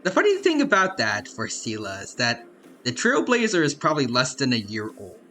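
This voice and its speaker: Animated, bright-voiced man streaming a game. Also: medium pitch, fairly quick, slight background noise. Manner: chatty, animated. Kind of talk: casual live game commentary and chat.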